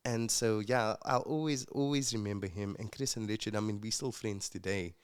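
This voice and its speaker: A young man, a musician guest, telling his personal story in an earnest, reflective way with halting restarts. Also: on the low side, clean tone. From South Africa.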